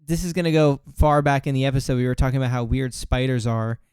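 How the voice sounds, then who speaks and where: A man guesting on a casual podcast who rambles excitedly from one thought to the next. His voice is smooth and clear, recorded close and dry. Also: mid-range voice, fast, no echo.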